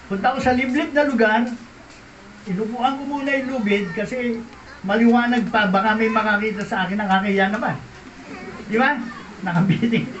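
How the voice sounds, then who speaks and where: High-voiced pastor in an echoey hall. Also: male voice. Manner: dramatic storyteller, questions the audience. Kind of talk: testimony sermon to a congregation. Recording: echoey hall, distant mic, dull sound, background noise.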